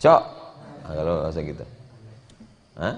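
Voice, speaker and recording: A man teaching a religious study class, telling a story with lively pitch swings, quoting Arabic lines and translating them. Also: moderate pace, highs cut off, slight background noise. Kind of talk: sermon. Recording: long hall reverb.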